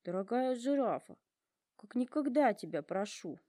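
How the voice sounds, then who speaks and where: A woman's voice: a little high, lively intonation, normal speed, mellow, no echo, studio quality. Earnest polite little elephant, read by a woman. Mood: indignant. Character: well-mannered young male elephant, warm-hearted worrier.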